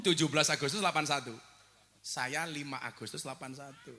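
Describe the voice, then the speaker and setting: Booming bantering preacher in his forties. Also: steady tone, brisk. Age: 40s. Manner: loud, bantering, teasing the audience. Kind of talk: joking sermon to a crowd. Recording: long hall echo, faint noise.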